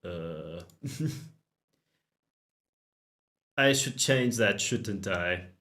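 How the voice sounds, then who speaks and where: A man's voice: low-pitched, expressive, extremely slow, pushed and bright. A man reading game dialog aloud and commenting on it as a let's play host, giggly and self-mocking, swearing casually.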